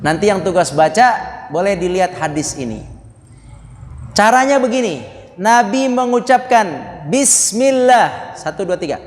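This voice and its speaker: A man preaching an Islamic teaching lecture, speaking deliberately and repeating phrases for the audience, with joking asides. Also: high-pitched, lively intonation. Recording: long hall reverb.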